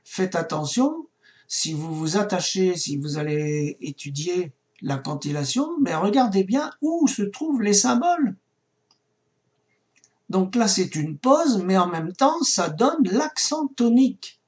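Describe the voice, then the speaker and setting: Slow, patient man teaching Hebrew grammar. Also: sits high, sing-song, darkish tone, highs cut off. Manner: slow, patient, spelling out words. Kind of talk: recorded lesson.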